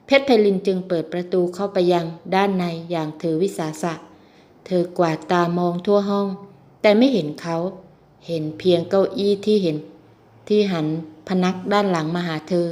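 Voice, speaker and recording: A woman narrates a romance novel in steady, even storytelling. Her voice sits somewhat low for a woman, and she lifts it brightly when the heroine speaks. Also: normal speed. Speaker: audiobook narrator.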